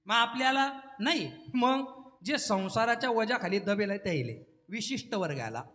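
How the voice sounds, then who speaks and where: A man's voice: sits high, fairly bright tone, long reverb tail. A man preaching a devotional kirtan sermon, teasing the listeners and joking with them between verses.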